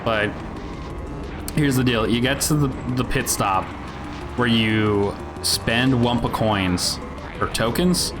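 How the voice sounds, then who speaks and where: A video game reviewer with a mid-range voice delivers a casual, sweary rant, speaking slowly and pausing often. His rambling, sardonic tone comes across as a grumpy old man's grumble, with music playing behind him.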